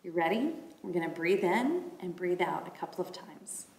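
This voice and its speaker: A middle-aged woman leading a church devotion and reading scripture with measured, deliberate phrasing. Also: on the low side, very animated, a little mellow. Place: large wood-panelled room indoors. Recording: echoey indoor room.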